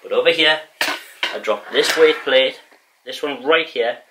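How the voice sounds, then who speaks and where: A young fitness vlogger talks casually to camera from his small home garage gym, rambling and poking fun at himself. His voice sits at medium pitch with a measured pace, and the camera's own mic gives noisy home audio.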